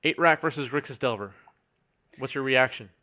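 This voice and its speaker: A man's voice: medium pitch, normal speed, bright, forceful tone. A man co-hosting live commentary on a card game match, easygoing and joking, reading out chat messages as he goes. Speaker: co-host and commentator.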